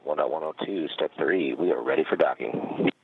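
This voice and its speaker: A man's voice: rumbling low, normal speed, vocal fry, slightly rough, dry recording. A male astronaut giving clipped, procedural callouts over a crackly space-to-ground radio link. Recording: narrowband radio link, dry, distant.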